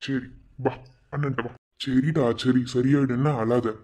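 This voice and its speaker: A man with a Madurai Tamil accent voicing a young village brother and husband in an animated family cartoon, grumbling and scolding. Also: high voice, fairly quick. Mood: soothing. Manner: grumbling, scolding then soothing.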